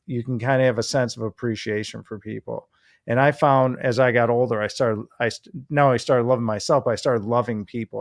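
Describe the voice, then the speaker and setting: A man's voice: medium pitch, vocal fry, no echo, clean studio sound. A man hosting an interview, reflecting earnestly and repeating phrases for emphasis. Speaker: host. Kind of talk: interview conversation.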